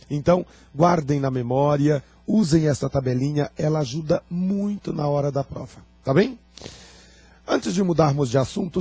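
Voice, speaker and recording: A man's voice: a little high, dark tone, breathy edge, no room sound. A man with a Brazilian accent teaching a Portuguese grammar lesson for exam prep, asking his students questions and teasing them dryly.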